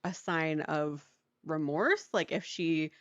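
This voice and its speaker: A low-voiced woman speaks slowly as she co-hosts a podcast, recounting a story in a relaxed, chatty manner with many uses of "like" and frequent laughs. No echo can be heard on the dry, dull lo-fi recording.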